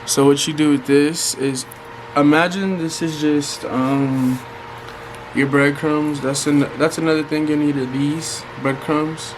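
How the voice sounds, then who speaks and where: An American man with a slightly high voice chats informally through a home tutorial, addressing viewers in a relaxed, colloquial way. A fan hums clearly in the background of the recording. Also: a little slow. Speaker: vlogger giving a fishing bait tutorial. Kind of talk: casual how-to vlog chat. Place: hot room at home with a fan running. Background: fan noise.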